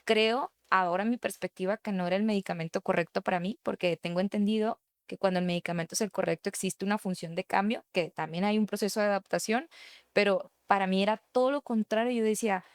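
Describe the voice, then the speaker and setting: An earnest young woman tells a personal story with candor, often slipping into the voices of the people she quotes. Her voice sits at an ordinary middle pitch for a woman. It is recorded dry on a close mic, with no room sound. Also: fairly even intonation, quick pace, clear, resonant tone, dry recording. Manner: earnest, candid, quotes herself and others in dialogue. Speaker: psychotherapist guest. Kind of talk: personal storytelling in a podcast interview.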